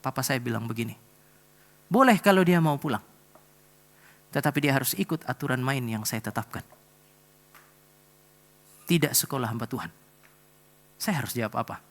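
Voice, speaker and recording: A middle-aged pastor preaching a sermon in church, telling a personal story and speaking straight to the congregation. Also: male voice, medium pitch, a little fast, long pauses, a bit bright. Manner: storytelling, addresses congregation directly.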